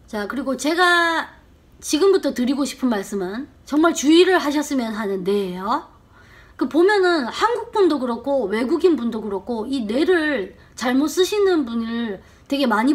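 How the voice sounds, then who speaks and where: Lively high-voiced woman teaching a language. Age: middle-aged. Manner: lively, acts out short sample dialogues with slowed, exaggerated intonation. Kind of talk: casual language lesson.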